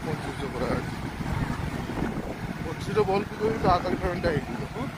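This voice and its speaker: Man live vlogging through loud wind noise. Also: high voice, lively intonation, fairly quick. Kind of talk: casual live vlog chat while riding. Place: outdoors on a moving motorbike. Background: loud wind and engine noise.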